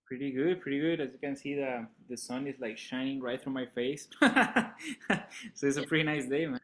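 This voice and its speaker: A Colombian man with a mid-range voice chats fairly quickly as a guest musician in a casual interview. He's relaxed, laughs often, and fills his speech with lots of fillers.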